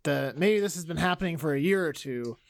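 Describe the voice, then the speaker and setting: A man chatting casually as a podcast co-host, improvising ideas haltingly and often circling back to rephrase. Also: a little high, animated, gravelly, no room sound, clean studio sound. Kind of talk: casual improv brainstorming chat.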